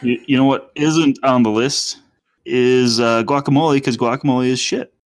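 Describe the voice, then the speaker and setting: A man's voice: medium pitch, steady tone, normal speed. A man co-hosting a casual podcast, rambling and hesitant, with lots of fillers and restarts. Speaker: podcast co-host. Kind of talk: casual chat.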